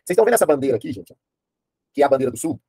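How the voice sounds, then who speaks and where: A man teaching a history class online in a fast, casual way, often asking his students questions and using slang. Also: medium pitch, sing-song, darkish tone, breathy edge, dry recording.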